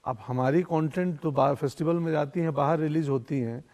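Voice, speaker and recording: Middle-aged actor guy chatting in an interview, a bit high, gravelly, storytelling and reflective. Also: brisk, darkish tone. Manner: musing, philosophical, storytelling. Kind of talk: reflective interview conversation in Hindi mixed with English.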